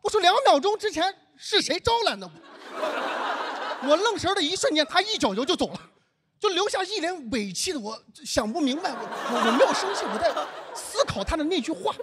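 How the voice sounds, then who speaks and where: A young man from northern China telling a stand-up comedy story, acting out the dialogue with lively delivery. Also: very high-pitched, fast talker, noisy background.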